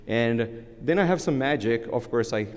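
Standing at a lectern in a big conference hall, this thirtysomething man, whose first language is Portuguese, delivers an easygoing technical presentation with frequent fillers and false starts. His voice sits in the mid range, and he speaks at a moderate pace.

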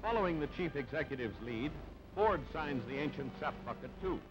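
Brisk and animated, a man with a fairly high pitch reads scripted newsreel narration in a clipped, punchy, dramatic way. The sound is a dull, band-limited old newsreel track with background music.

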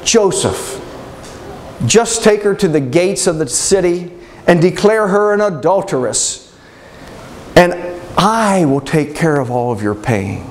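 A man's voice: high voice, expressive, slow, a little hiss or hum. A man voicing a tempting voice in a dream, speaking in a coaxing, persuasive way.

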